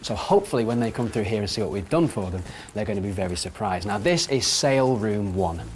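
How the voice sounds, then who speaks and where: A fast-talking male TV prank show host with a lower voice, brisk and jokey as he walks the viewer through the setup. His voice rings in a long hall reverb with faint music behind. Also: lively intonation, a little mellow, a little hiss or hum. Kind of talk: energetic presenting to camera.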